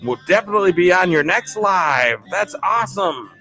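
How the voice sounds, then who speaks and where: A man hosting a casual livestream hangout, chatty and upbeat, laughing often as he reads viewer comments and thanks people warmly. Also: high voice, lively intonation, normal speed, faint music behind. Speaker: livestream host. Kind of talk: casual live-stream chat, reading comments.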